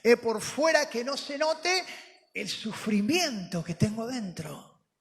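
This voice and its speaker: A man preaching a sermon as pastor, telling the story dramatically and moving from soft, slow words to emphatic ones. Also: very high voice, very animated. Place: church hall. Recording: long hall reverb.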